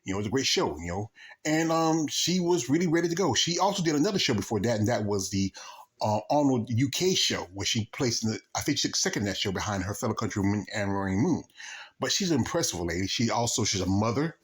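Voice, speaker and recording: A man speaking as a YouTube host in a casual solo vlog, halting, with stammered repeats and broken-off words. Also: on the low side, sing-song. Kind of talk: casual vlog monologue announcing an interview.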